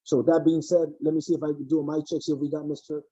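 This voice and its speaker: A man's voice: fairly high pitch, flat delivery, very fast, mellow, no echo. A male podcast host introducing a guest over an online call, telling a story with enthusiasm and acting out the quotes. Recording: dull, dry online call audio.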